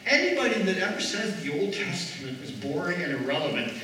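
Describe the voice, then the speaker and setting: A man preaching a sermon as a pastor, animated, slipping into the voices of the people he quotes. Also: sits high, a little fast, a little hiss or hum. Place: large hall or church. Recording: echoey hall from far off.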